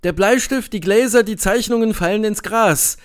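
A man narrates a classic story as an audiobook reader. His voice sits high for a man, and his delivery is lively and dramatic, building tension through the scenes. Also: normal speed, clear, resonant tone. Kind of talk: literary narration.

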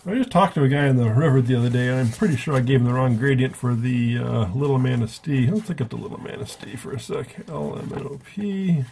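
A man's voice: medium pitch, quick pace, creaky, hardly any pauses, a little mellow, a little hiss or hum. A man giving a casual, rambling spoken review at a table, often correcting himself as he goes. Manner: rambling, self-correcting, offhand. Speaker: book reviewer.

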